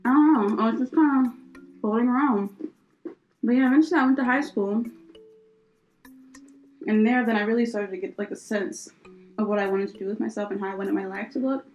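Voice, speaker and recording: A woman's voice: fairly high pitch, fairly quick, pauses often, darkish tone, dull audio, soft background music. A young woman co-hosting a podcast, chatting casually, rambling with lots of fillers and laughing often. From United States. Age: young adult. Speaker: podcast co-host. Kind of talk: casual chat.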